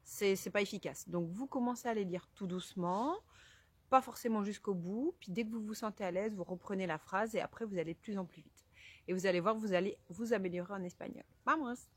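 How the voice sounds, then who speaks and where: A woman teacher calmly explaining pronunciation rules step by step to learners. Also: medium pitch, a little fast. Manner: clear, methodical explaining, addresses learners directly. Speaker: Spanish teacher. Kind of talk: explaining a language lesson to camera.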